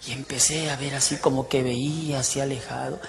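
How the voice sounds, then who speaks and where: A man's voice: medium pitch, little pitch movement, a little fast, gravelly. A man, a former priest telling his testimony with jokes and asides to the crowd. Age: 60s. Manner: storytelling, jokey, teasing the audience. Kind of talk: humorous testimony sermon.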